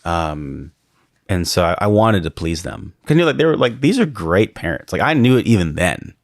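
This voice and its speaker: A man's voice: sits low, sing-song, moderate pace, no room sound, studio quality. A man, a pastor, talking casually and reflectively in a conversation.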